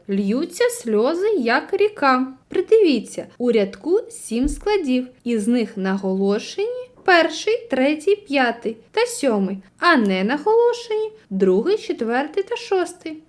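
A woman reading a school literature textbook aloud, clear and deliberate, slowing into a sing-song lilt for the verse she quotes. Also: sits high. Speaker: textbook reader.

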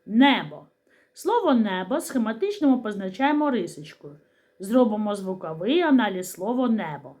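A woman teacher giving a literacy lesson to young children, speaking slowly and sounding out words syllable by syllable, asking questions and answering them herself. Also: medium pitch, sing-song, darkish tone. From Ukraine. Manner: slow, careful enunciation of syllables.

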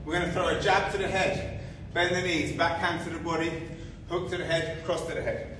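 A man's voice: a little high, little pitch movement, a little fast, fairly bright tone. A man coaching a boxing workout, calling out punch combinations and counts in clipped, commanding cues. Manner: clipped, commanding short cues while demonstrating exercise. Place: large indoor boxing gym. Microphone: camera several metres away. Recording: echoey gym, distant mic, faint noise.

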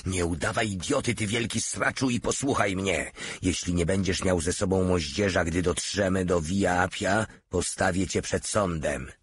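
A man doing a gruff old squad leader. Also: deep voice, normal speed, slight background noise, close to an everyday voice. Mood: commanding. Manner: commanding, gruff. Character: stern older male squad leader.

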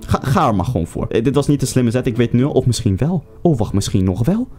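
Young gaming YouTuber, fast-talking with a mellow tone, swears freely, runs from glum mutters to yelps. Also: male voice, mid-range voice. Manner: excitable, swears a lot, jumps from groans to shouts. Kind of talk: live game commentary.

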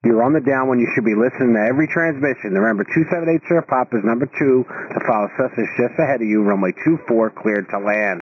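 A man working as an air traffic tower controller, giving stern, authoritative instructions over a radio in a husky voice. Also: mid-range voice, quick pace, hardly any pauses, dull audio. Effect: aviation radio.

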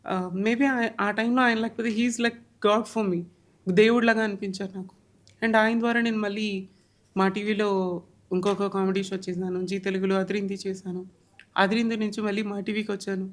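A woman's voice: mid-range voice, steady tone, moderate pace. A young woman speaking as a podcast guest, talking in a heartfelt way and mixing English words into her speech. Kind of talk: emotional personal interview talk.

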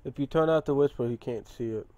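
A man's voice: mid-range voice, fast talker, darkish tone, dry recording, dull audio. A man in a game's voice chat, chatting casually and teasing crudely. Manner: crude teasing, often laughing.

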